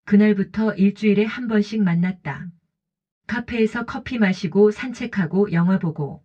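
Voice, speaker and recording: Calm woman narrating an audiobook. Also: mid-range voice, moderate pace, husky. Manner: short even sentences, calm. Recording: dull lo-fi audio.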